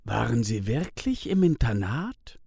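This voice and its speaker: A man voicing a curious, lively young schoolgirl in a storybook reading. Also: medium pitch, unhurried, creaky, breathy edge, dry recording, clean studio sound, exaggerated voice.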